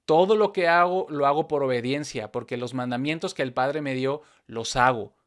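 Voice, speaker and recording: Man, Bible teacher, reads scripture then explains it, conversational, mid pitch. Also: moderate pace. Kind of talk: Bible reading and commentary.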